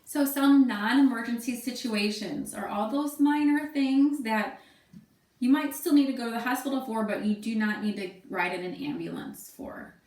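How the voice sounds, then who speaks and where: A woman's voice: on the high side, moderate pace, darkish tone, distant mic. A woman teacher in her thirties giving a casual remote lesson from home, talking loosely with fillers. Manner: casual, chatty, thinks aloud with fillers. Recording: echoey room, voice away from mic.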